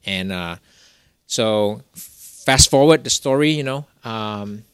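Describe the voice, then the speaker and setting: A man's voice: on the low side, animated, takes it slowly, a bit bright, clean tone, no echo, clean studio sound. A young man from Singapore, telling a personal story in a rambling way, full of fillers and restarts. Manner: rambling, many "you know" fillers and restarts. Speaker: guest telling his story. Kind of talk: casual testimony.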